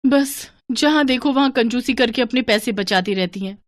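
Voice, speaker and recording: A young daughter-in-law complains and pleads against household penny-pinching, played by a woman, her voice pitched clearly higher. The sound is dry and close-miked. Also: normal speed, no room sound, lightly acted. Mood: complaining. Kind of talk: cartoon voice acting.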